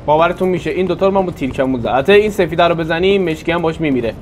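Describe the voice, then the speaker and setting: A man playing a video game and commenting, excitable and taunting the enemies, with sudden loud swings into yelling. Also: on the high side, slight background noise. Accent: Persian. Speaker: gaming YouTuber. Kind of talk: let's play commentary.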